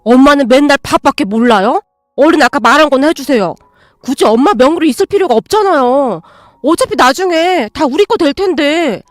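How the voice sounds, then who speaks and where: A woman's voice: high voice, expressive, fairly quick, no room sound, studio quality. Woman voicing a pushy, combative grown son. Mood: demanding. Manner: whiny, combative, raises voice. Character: pushy young adult son demanding property.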